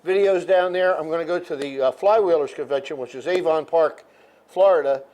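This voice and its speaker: A man's voice: a little high, brisk, darkish tone. An older man, a machinist, explaining step by step in a plainspoken, casual way. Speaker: machinist demonstrating his lathe. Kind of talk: casual shop demonstration. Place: indoor home machine shop. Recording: noisy machine shop background. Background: running machinery noise.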